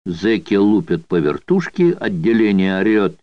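A man's voice: fairly low pitch, sing-song, moderate pace, dry recording, voice pushed down. A man doing a slangy old convict spinning a yarn. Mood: mocking. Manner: coarse barracks slang, mocking yarn-spinning. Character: chatty old convict storyteller, unhurried and slangy. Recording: dull dry studio recording.

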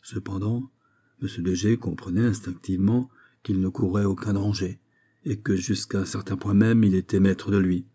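A man narrating a nineteenth-century short story in a measured storytelling manner. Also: sits low, fairly even intonation, dark tone, breathy edge.

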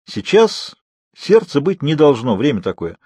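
Brusque middle-aged surgeon, curt and stern, read by a husky male narrator, audiobook. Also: on the high side, big pitch swings, a little slow, mellow, dry recording, voice pushed up, heavily acted.

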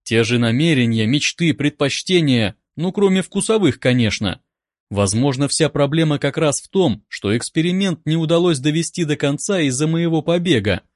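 A man calmly reading a first-person audiobook in an even, wry manner, close to a studio mic. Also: a little high, normal speed, dry recording. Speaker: audiobook narrator.

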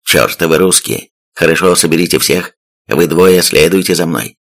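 Guy doing a curt army captain, deep gravelly voice, bossy. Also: normal speed, a bit bright. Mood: commanding. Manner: curt and commanding. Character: stern military captain, adult man.

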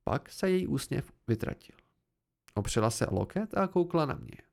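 Give me a man narrating an audiobook with a rough, creaky voice that moves all over in pitch. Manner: expressive first-person storytelling. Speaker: audiobook reader.

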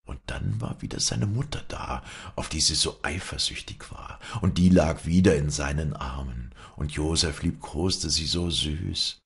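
A man reading an audiobook in an expressive storytelling manner. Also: rumbling low, measured pace, gravelly, few pauses, husky. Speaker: narrator.

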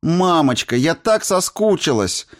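A man voicing a loud, spoiled young newlywed woman who squeals and gushes. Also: animated, unhurried, natural voice. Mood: gushing. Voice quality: squealing, shrill.

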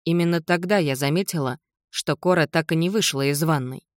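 A woman narrating an audiobook in the first person, in an even, measured storytelling voice. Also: sits low, no room sound, studio quality.

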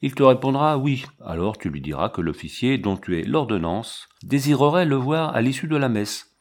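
A man's voice: medium pitch, lively intonation, normal speed, darkish tone, natural voice. A man reading the part of a stern, aloof army captain in his thirties, in a curt, commanding manner for an audiobook.

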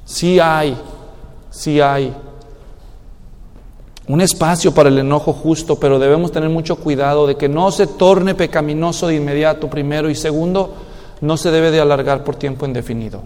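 A man preaching with a high voice that fills a church hall with long reverb. He talks animatedly as a pastor, slipping into quoted voices to act out little scenes. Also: fairly even intonation, normal speed, darkish tone. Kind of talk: sermon.

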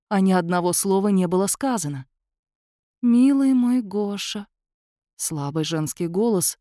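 An audiobook narrator reads a story aloud in an expressive storytelling style as scripted narration. Her voice is medium-pitched. The studio sound is clean, with no room sound.

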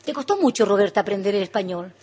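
A woman hosting a radio interview, asking questions warmly and giving many short affirmations. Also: mid-range voice, animated, fast talker, slightly rough. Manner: encouraging, frequent affirmations. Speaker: radio host. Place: radio studio.

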